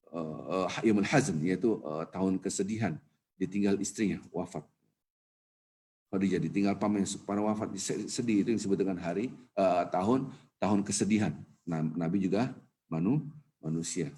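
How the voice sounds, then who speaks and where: A man with an Indonesian accent giving a conversational Ramadan sermon in a mosque, telling stories with animated quoted voices. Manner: animated storytelling, acts out quoted voices, jumps up in pitch for emphasis. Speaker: ustadz giving a Ramadan lecture.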